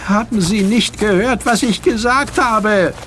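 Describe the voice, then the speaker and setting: A man's voice: sits high, lively intonation, takes it slowly, a bit bright, a little hiss or hum, voice pushed up, heavily acted. A man voicing a frantic, breathless teenage boy urgently giving a warning.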